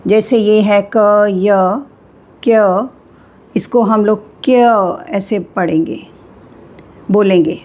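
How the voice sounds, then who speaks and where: A woman teaching a Hindi spelling lesson, slow and deliberate, spelling out sounds with pauses. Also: medium pitch, steady tone, darkish tone.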